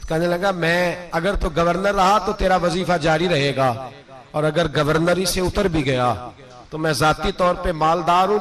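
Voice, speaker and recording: A man's voice: on the high side, fairly bright tone. A man with a Pakistani Urdu accent preaching a sermon, telling a moral story with impassioned rising peaks.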